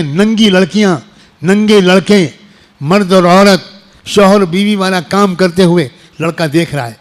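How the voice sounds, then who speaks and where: Pleading male preacher, slightly high voice. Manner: pleading, repetitive, emphatic. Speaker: Islamic preacher. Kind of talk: emotional sermon to young people.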